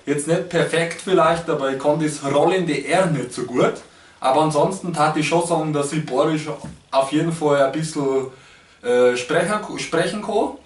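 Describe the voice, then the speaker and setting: A man's voice: fairly high pitch, moderate pace, recorded from a distance. A man from Munich with a Bavarian accent, a YouTuber doing playful imitations of German regional dialects in a casual vlog. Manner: hops between German dialect voices. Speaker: language YouTuber. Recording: echoey room, voice a bit off-mic.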